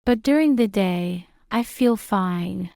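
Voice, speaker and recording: A woman with a slightly gravelly voice reads simple example sentences slowly and plainly. The sound is close and dry. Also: mid-range voice, expressive, mellow, no room sound. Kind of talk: slow read-aloud example sentences.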